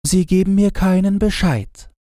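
A man reading a storybook aloud, voicing an earnest, sad young girl in a high pleading tone. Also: a little slow, dark tone, no room sound, studio quality. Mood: wistful.

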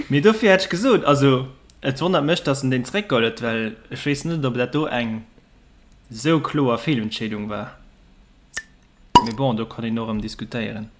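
Ein Mann mit luxemburgischem Akzent und mittlerer Stimmlage bespricht locker Fußballspiele. Er wägt seine Urteile ruhig ab. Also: male voice, mid-range voice, unhurried, pauses often, a little hiss or hum. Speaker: podcast co-host. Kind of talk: casual sports chat.

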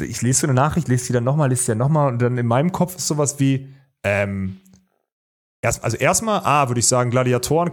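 A podcast co-host who talks quickly and loosely. He rambles, cuts himself off, and circles back to finish his thoughts. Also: mid-range voice. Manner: rambling, self-interrupting, laughs easily. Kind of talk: casual podcast chat.

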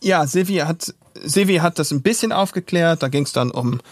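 A man's voice: a little high, moderate pace, dry recording, clean studio sound. A young man animatedly telling a personal story as a guest, acting out the dialogue in raised voices.

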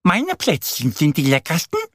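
A man voicing a cheerful, excitable young female duck in a children's story. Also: a little high, normal speed, dry recording, studio quality, voice pushed up. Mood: chirpy. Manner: chirpy, excitable.

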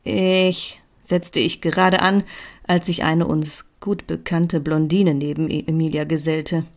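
A woman reading a romance story aloud in an expressive first-person narration. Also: low-pitched, unhurried. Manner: expressive, voicing characters. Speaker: audiobook reader.

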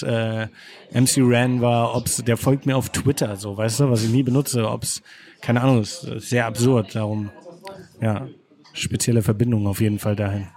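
Male guest in his thirties, easygoing storyteller, middle pitch, casual chat. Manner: relaxed, rambling, laid-back anecdotes. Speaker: guest, photographer.

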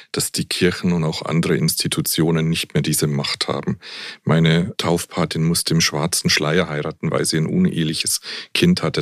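Low-voiced, frank Jesuit man. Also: no room sound, clean studio sound. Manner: frank and outspoken, with occasional fillers. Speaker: Jesuit priest guest. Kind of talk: reflective conversation.

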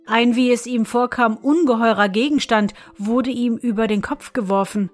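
A woman reading a fairy tale aloud as narrator, in an even storytelling manner. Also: fairly high pitch, normal speed, faint music behind.

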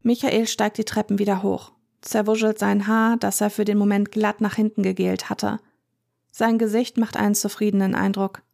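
A woman narrating a first-person story in a measured, tense way. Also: mid-range voice, level tone, gravelly, darkish tone. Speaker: audiobook narrator.

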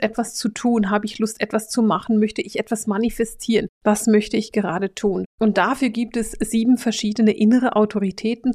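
Swiss woman explaining in a lively solo podcast. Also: medium pitch. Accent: Swiss German. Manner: lively, acts out little quoted voices, drops to a whisper for emphasis. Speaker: podcast host and Human Design coach.

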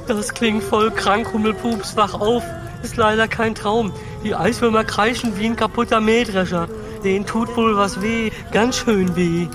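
A man's voice: sits high, fairly even intonation, unhurried, over music. An actor voicing a cheerful young male foal who talks in casual slang in a children's audio drama. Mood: cheeky.

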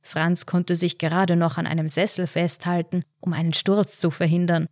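A woman narrating a short story for her podcast in a measured read-aloud style. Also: on the low side, little pitch movement, darkish tone, no echo, clean studio sound. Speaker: podcast host and author.

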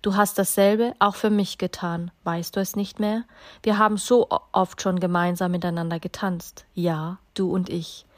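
Woman reading as a kind loving soul, hushed, soft and low, storybook, dry sound. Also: little pitch movement, moderate pace, no room sound, lightly acted. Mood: tender. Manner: quiet, low and hushed, half-whispered.

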